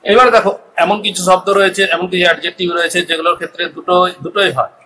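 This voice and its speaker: A man with a Bengali accent teaches an English grammar lesson, explaining each step and pausing to check that his students follow. His voice is bright and forceful and sits a little high. A faint hiss of background noise runs under the recording. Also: steady tone, poor audio. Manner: explains step by step, often asks "ঠিক আছে?".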